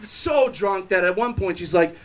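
A man's voice: high voice, animated, measured pace, a bit bright, poor audio. A young man doing stand-up storytelling at a live bar show, rambling and self-interrupting. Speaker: stand-up comedian.

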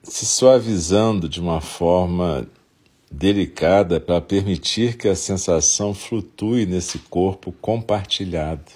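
This is a guided compassion meditation led by a Brazilian-accented man whose low-pitched voice is breathy and husky. He keeps it soft, gentle and soothing, with long pauses throughout.

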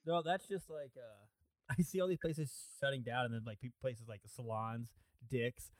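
A man's voice: medium pitch, fairly even intonation, normal speed, no room sound. A young man chatting casually as a podcast co-host, rambling through long stories with lots of fillers and frequent laughter. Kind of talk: casual chat.

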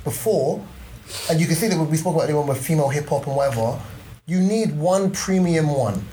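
A man's voice: on the high side, animated, brisk, mellow, a little hiss or hum, rough recording. A man chatting casually on a podcast, slangy and explanatory, reeling off examples. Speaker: podcast panellist.

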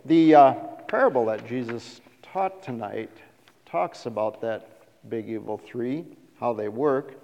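A middle-aged man preaching a sermon as a pastor, animated and asking the congregation questions. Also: medium pitch, a little slow. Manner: animated, acts out quoted voices, asks the congregation questions. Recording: reverberant hall.

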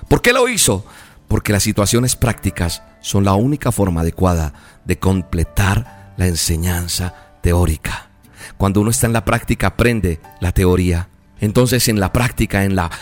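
Male preacher telling a story slow and dramatic, soft music under him. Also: on the low side. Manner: dramatic, vivid retelling with pauses. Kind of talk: sermon with storytelling.

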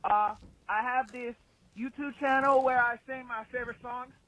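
Someone voicing an eager, awkward young male YouTuber calling in to a podcast, halting and full of fillers. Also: mid-range voice, fairly even intonation, a bit bright, natural voice, low-quality recording. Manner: hesitant, halting, with many fillers. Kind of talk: comedic phone-in bit.

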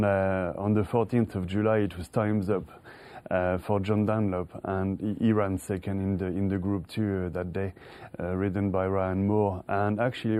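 A man's voice: on the low side, warm tone. A middle-aged man from France, a horse trainer, answering interview questions with many restarts and chuckles; French is his first language. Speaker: racehorse trainer.

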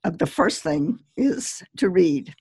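Slow, husky woman poet. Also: fairly low pitch, big pitch swings, darkish tone, no room sound. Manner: slow, measured and chatty, with small laughs. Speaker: poet giving advice, podcast guest. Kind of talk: relaxed conversational advice.

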